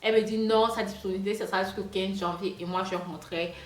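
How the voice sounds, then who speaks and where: A woman's voice: mid-range voice, steady tone, fast. A woman vlogger telling a storytime in a rambling, chatty way, speaking French with a noticeable non-native accent. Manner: rambling, chatty, many fillers and restarts. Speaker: hair vlogger. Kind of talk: casual storytime monologue. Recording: roomy echo with faint music.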